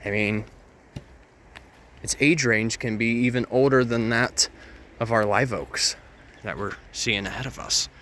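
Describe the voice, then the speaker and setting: This is a man guiding an outdoor walk in a Florida hammock woodland, explaining plants chattily and cracking puns on himself with evident self-amusement. He speaks in a mid-range, bright, forceful voice at a measured pace, pausing often, over slight background noise.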